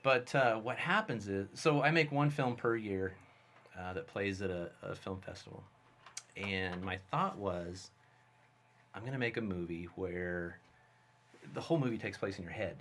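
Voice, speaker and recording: Brief: lower-voiced male guest, lively casual storyteller. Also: normal speed. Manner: animated, vivid storyteller. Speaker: guest, special effects artist and filmmaker.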